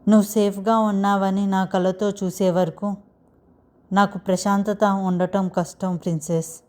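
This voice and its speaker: A woman's voice: mid-range voice, little pitch movement, unhurried, darkish tone, close to an everyday voice. A woman reading the lines of a protective young husband in a story, doting and anxious, in her own voice. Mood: tender. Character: protective young husband, tender but fierce.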